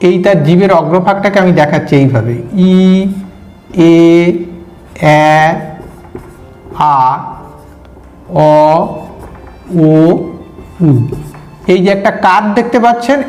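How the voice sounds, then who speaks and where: High voiced guy teacher going over test answers, repeats and sounds stuff out, soft music behind. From India. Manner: patient, repeats and sounds out examples. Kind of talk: explaining exam questions.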